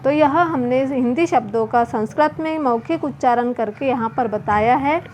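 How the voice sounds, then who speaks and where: A woman with a high voice teaches a children's workbook lesson. She reads word lists slowly and drags each word out, then explains it in plain terms. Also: darkish tone, a little hiss or hum. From India. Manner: slow, drawn-out word recitation.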